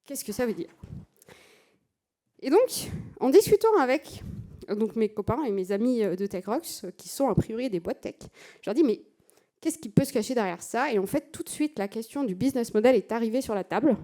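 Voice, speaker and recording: A woman speaks from a conference stage, pausing often on fillers and restarting her phrases. Her voice sits a little high but sounds soft and mellow. She now and then breaks into a light laugh between points. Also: animated. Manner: hesitant, many fillers and restarts. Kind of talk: conference talk.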